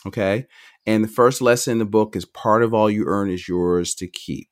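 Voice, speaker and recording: A middle-aged man, a financial advisor guest on a podcast, talking quickly and energetically, often restarting his sentences. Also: fairly low pitch. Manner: energetic, talks fast, jumps between points with restarts. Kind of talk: conversational podcast interview.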